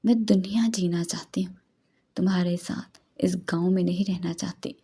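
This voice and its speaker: A woman reading the part of a proud, defiant young woman who shouts back scornfully. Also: fairly low pitch, steady tone, moderate pace, slightly rough.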